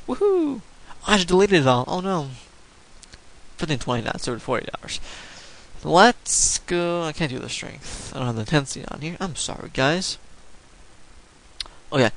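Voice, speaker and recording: A man with a fairly high voice talks through a home-made storm forecast in a loose, rambling way. He apologizes often and leaps up in pitch when something excites him. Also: poor audio. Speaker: amateur weather forecaster. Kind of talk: casual forecast video talk.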